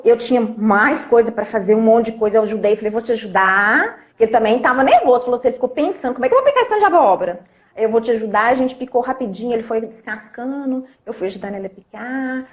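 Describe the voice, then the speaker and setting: A woman coach, telling a story in a lively chat and acting out the dialogue. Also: high-pitched. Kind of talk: live-stream conversation, storytelling. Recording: dull lo-fi live-stream audio.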